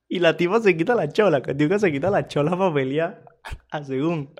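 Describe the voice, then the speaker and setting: A man with a Venezuelan accent talks over a video in relaxed commentary, slipping into laughter and slang as he retells the action. His voice sits a little high for a man. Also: normal speed. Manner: laughing, animated, slangy storytelling. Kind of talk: casual reaction commentary.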